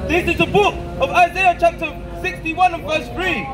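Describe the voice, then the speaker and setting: A man reading scripture aloud in a measured way with small stumbles, outdoors on a city street. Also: very high voice, steady tone, a loud crowd, poor audio. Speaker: scripture reader.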